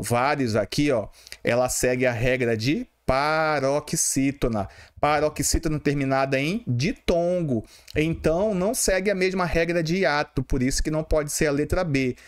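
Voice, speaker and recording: Brazilian man teaching, fairly high voice. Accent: Brazilian Portuguese. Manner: talks to students directly, asks and answers his own questions, syllable by syllable. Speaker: Portuguese teacher for exam prep. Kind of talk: explaining exam questions.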